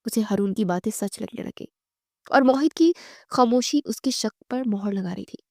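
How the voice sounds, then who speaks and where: A woman narrating a bedtime story in a dramatic, expressive reading. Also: fairly high pitch, dry recording, clean studio sound.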